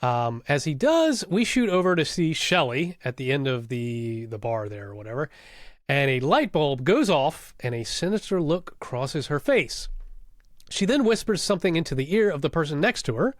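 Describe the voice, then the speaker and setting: A man's voice: on the high side, big pitch swings, normal speed, no room sound, studio quality. Laughing man recapping an episode. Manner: recaps scenes with frequent laughs and asides. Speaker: podcast co-host. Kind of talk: casual rewatch podcast recap.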